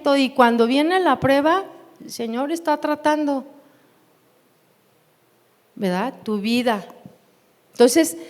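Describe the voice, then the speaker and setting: A woman with a Mexican Spanish accent leads a Bible class in a church hall, her voice carrying a long reverb. She speaks slowly and stays high in pitch, often pausing to ask her listeners questions. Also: a little mellow. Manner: unhurried, asks the class questions.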